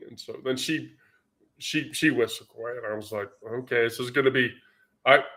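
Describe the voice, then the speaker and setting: Slow, rambling man telling a story. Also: mid-range voice, bright, forceful tone. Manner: rambling and profane, with many fillers. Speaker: vlogger. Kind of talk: casual storytelling.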